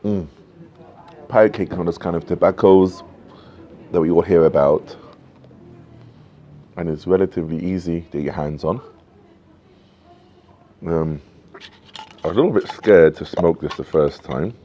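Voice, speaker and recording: A man in his fifties chatting casually to camera outdoors, in an unhurried, musing manner with frequent pauses. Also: low voice, dark tone. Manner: unhurried, musing, pausing often. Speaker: pipe tobacco reviewer. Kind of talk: casual vlog chat. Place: covered porch outdoors at night. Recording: noisy home-made outdoor recording.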